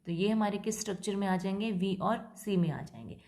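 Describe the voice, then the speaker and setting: A woman teaching English linguistics, explaining in Hindi mixed with English terms and reading English definitions out slowly, often checking that students follow. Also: mid-range voice, warm tone. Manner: keeps checking in with the class, repetitive and patient. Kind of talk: lecture explaining syllable structure.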